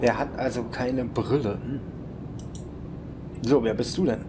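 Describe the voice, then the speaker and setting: A man's voice: medium pitch, measured pace, background noise. A man thinking aloud while playing an adventure game, musing and chuckling as he goes. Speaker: let's play commentator. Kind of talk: casual gameplay commentary.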